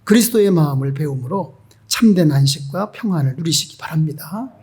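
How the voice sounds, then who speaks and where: A male pastor delivers a Sunday sermon with a high-pitched, slightly husky voice. He preaches emphatically and keeps turning to the congregation with rhetorical questions. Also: expressive, brisk, a little mellow.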